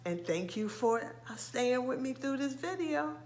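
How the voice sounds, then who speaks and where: Slow-speaking woman with a slight lisp. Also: sits high, animated, darkish tone. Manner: halting, with frequent ums and restarts. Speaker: vlogger. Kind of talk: casual vlog talk to camera.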